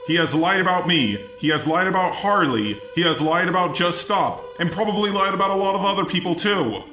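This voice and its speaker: A commentary video host delivers argumentative, scripted remarks with sarcasm and indignation. His voice sits on the high side and has a sharp tone. Music plays underneath in a roomy, echoing recording.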